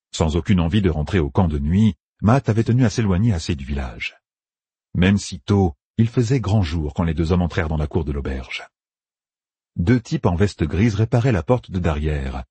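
A man narrating a fantasy audiobook with expressive storytelling. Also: deep voice, slightly rough, no room sound. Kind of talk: scripted narration.

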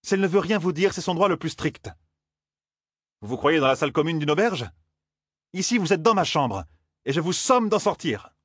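A man's voice: a little high, expressive, normal speed, long pauses, dry recording, clean studio sound, pitched above the performer's own voice. A man voicing a stern older woman, a former wise woman, who scolds and commands sharply in an audiobook. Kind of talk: audiobook character voice.

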